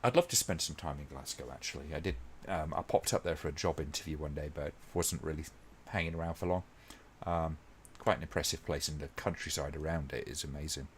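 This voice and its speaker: A man hosting a casual watch-along live stream, talking to his chat in a relaxed, rambling way with many ums. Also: rumbling low, brisk, few pauses, a little hiss or hum.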